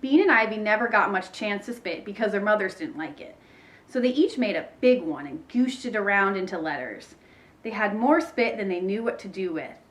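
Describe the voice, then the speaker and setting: A woman teacher reading a children's chapter book aloud, in a clear expressive storytelling manner. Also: medium pitch.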